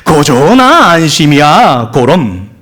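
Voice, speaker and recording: A man voicing a homespun Pyongan man, reciting a psalm in a loud, drawn-out drawl. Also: fairly high pitch, very animated, heavily acted. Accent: Pyongan dialect.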